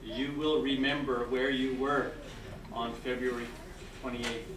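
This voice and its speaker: In a flat, mid-range voice and at a slightly slow pace, an older francophone man from Canada delivers a ceremonial speech to new citizens. Encouraging, he checks in again and again with "okay?". Sound comes from far off in an echoey, noisy hall full of people.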